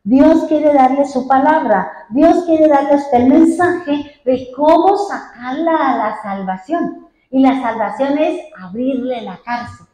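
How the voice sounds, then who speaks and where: Middle-aged woman pastor preaching hard, kinda high but mellow voice, lots of room echo. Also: expressive, muffled recording. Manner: fervent preaching, drawn-out emphatic phrases, addresses listeners as brother. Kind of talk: sermon.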